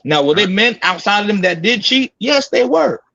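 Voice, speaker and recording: A man's voice: sits high, expressive, normal speed, vocal fry, pushed and bright, no echo, dull audio. A man in his thirties arguing his point on a podcast, insistent and repeating himself to cut others off. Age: 30s. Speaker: podcast panelist. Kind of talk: heated debate.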